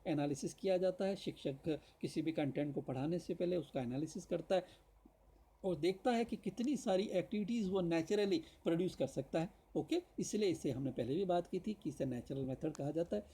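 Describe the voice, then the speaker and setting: Male lecturer, mellow and slightly husky, explains patiently and reads out notes deliberately. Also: fairly high pitch, low-quality recording. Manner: explains in Hindi, reads English points slowly; addresses viewers directly with tag questions. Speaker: teacher. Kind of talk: teacher-training lecture.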